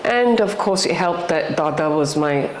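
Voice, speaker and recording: Older woman, British accent, lowish voice, earnest and halting, reflective conversation, roomy echo. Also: animated. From England. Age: older, around 60. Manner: earnest, halting, repeats words for emphasis. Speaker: interviewee. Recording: echoey room with faint background noise.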